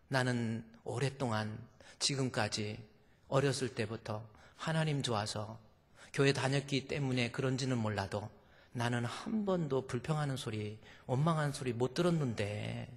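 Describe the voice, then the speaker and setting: Man doing a soft-spoken elderly mother. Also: medium pitch, gravelly, slightly rough, in a large hall. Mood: gentle. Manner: soft, slow, gently reproving. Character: elderly widowed mother, gentle and steady in faith.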